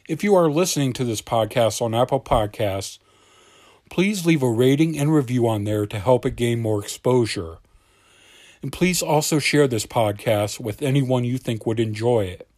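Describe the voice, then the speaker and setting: A man with a mid-pitched voice reads scripted true crime narration as a podcast host. He has the suspenseful delivery of a crime show narrator. The sound is close and dry, with very little room in it. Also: a little mellow, dry recording.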